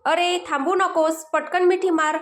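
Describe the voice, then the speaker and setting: A woman's voice: very high voice, steady tone, unhurried, a little hiss or hum, pitched above the performer's own voice. A woman voicing a cheerful, bossy mother teasing her son in a storybook tale. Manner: bossy, playful.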